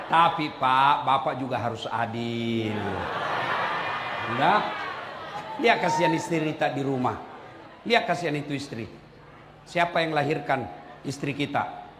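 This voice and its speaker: High, lively male preacher in an echoey hall. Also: a little hiss or hum. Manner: animated, teasing, jumps between loud punchlines and hushed asides. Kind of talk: humorous sermon to a live audience. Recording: roomy echoey hall with faint ambience.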